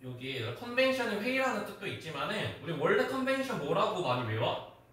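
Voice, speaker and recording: Male teacher, animated and bright, quizzing students by name. Recorded from far off in a booming classroom. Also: brisk, very echoey. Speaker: high school English teacher. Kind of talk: classroom lecture.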